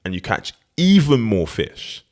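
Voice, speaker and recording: A man voicing an eager rich businessman who is pitching a plan with persuasive enthusiasm. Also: sing-song, unhurried, a little mellow.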